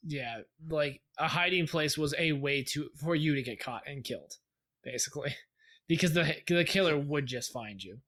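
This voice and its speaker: A man co-hosting a gaming podcast in casual chat, rambling and steering the talk with many pauses. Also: fairly high pitch, fairly bright tone. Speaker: podcast co-host.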